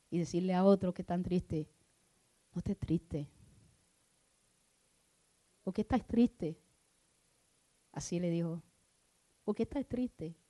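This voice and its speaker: Fervent woman preaching. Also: fairly low pitch. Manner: swings from hushed prayer to loud fervent exhortation. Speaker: minister. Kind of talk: sermon.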